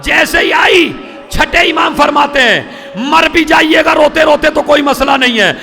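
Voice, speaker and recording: A man's voice: very high-pitched, bright, forceful tone, shouting, faint music behind. A male cleric delivering an impassioned mourning sermon, chanting and wailing as he urges listeners to weep. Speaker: cleric reciting a mourning majlis.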